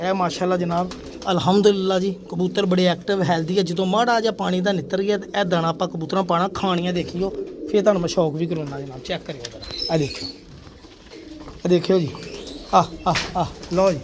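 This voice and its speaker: A man's voice: high-pitched, fairly even intonation, fast talker, background noise. A man talks casually to viewers while showing his pigeons, chatty and boastful, calling them brother and sir. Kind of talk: casual vlog talk to viewers. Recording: faint pigeon coos and outdoor ambience. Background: pigeons cooing.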